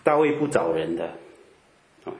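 A man preaching in a relaxed, conversational way, filling his talk with drawn-out "ah" sounds and rhetorical questions. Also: low-pitched, reverberant. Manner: chatty, peppers speech with drawn-out "ah" fillers and rhetorical questions. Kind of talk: conversational Bible teaching.

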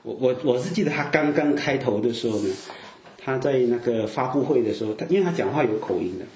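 A man's voice: mid-range voice, lively intonation, quick pace, a little mellow, echoey room, slight background noise. A man from southern China with a southern accent, preaching a sermon in a loose, conversational way full of fillers and asides. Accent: southern Chinese.

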